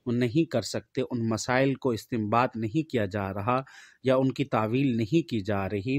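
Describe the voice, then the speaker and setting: A middle-aged man teaching Islamic jurisprudence, reciting Arabic rules slowly and explaining them. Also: medium pitch, no echo, clean studio sound. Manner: slow, deliberate recitation of Arabic texts, then explaining in Urdu. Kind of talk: religious lecture.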